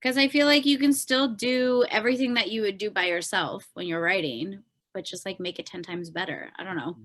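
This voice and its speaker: At a brisk clip, a Canadian-accented woman speaks with a medium-pitched, slightly bright voice. She is a pop singer-songwriter and podcast guest in a casual interview chat, informal and rambling, and her thoughts often trail off.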